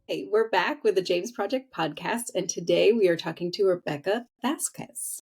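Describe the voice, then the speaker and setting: A woman's voice: mid-range voice, normal speed, gravelly, darkish tone, breathy edge, soft background music. A woman hosting a podcast interview in a friendly, chatty way. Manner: friendly, chatty, laughs easily. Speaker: podcast host. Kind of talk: casual interview.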